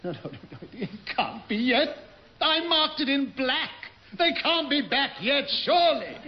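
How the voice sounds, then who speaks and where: An actor playing a flustered, pompous naval captain with a backseat driver's interjecting manner in a radio sitcom. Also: male voice, very high-pitched, big pitch swings, normal speed, exaggerated voice. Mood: flustered panic. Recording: dull, hissy old radio recording.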